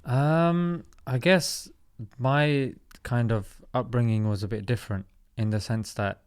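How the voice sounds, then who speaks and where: A man's voice: mid-range voice, fairly even intonation, unhurried, a little mellow, clean tone. A man in his thirties from South London, a podcast guest telling his story in an earnest, reflective way. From South London, England. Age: 30s. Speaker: podcast guest, comedy YouTuber. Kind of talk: casual interview talk.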